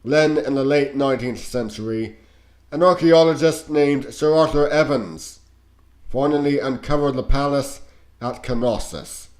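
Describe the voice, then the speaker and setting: A man reads educational narration aloud while sick with a cold. His voice sits at a middling pitch and sounds congested from a stuffy nose. He takes the script slowly, with measured, deliberate phrasing. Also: darkish tone. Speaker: narrator reading on-screen educational game text.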